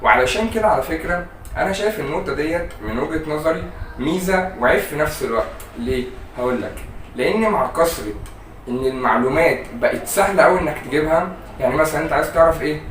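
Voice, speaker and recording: A man's voice: a little high, expressive, fast, a bit bright, echoey room, far from the mic, a little hiss or hum, rough recording. A man with an Egyptian Arabic accent hosting a casual explainer video, chatting conversationally and asking questions that he answers himself. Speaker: YouTube host.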